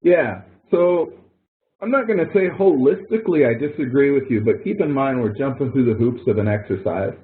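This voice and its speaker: This instructor talks fairly quickly and sounds animated, his voice sitting at a medium pitch. He's running an online help session over a web conference, sharing his screen for a relaxed spreadsheet walkthrough and going step by step in homespun, casual language. Everything comes through muffled and thin, as if over a phone.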